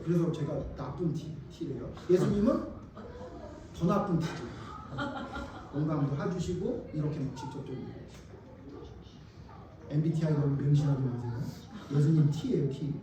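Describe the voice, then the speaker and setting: A male pastor preaches in a church sanctuary, emphatic and colloquial, often firing questions at the congregation. His voice is fairly high with a dark tone and a little hiss or hum. The hall is very echoey and the mic is far away.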